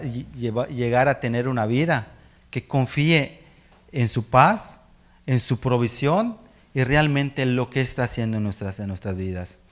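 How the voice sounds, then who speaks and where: A middle-aged man with a Mexican accent preaching a sermon, telling family stories in a lively way and laughing often. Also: mid-range voice. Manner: animated storyteller, acts out family voices and laughs often. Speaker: pastor. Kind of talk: sermon with personal storytelling.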